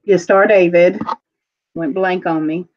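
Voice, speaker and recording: A woman's voice: fairly low pitch, fairly even intonation. Chatty woman on a muffled stream. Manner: chatty, rambling, quick to laugh. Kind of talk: casual live-stream chat.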